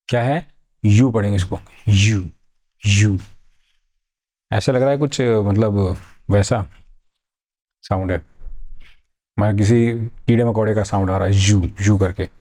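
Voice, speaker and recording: A man teaching a grammar lesson for exam preparation, explaining slowly, repeating words and acting out his students' questions. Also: medium pitch, dark tone. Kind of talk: exam-prep grammar lecture.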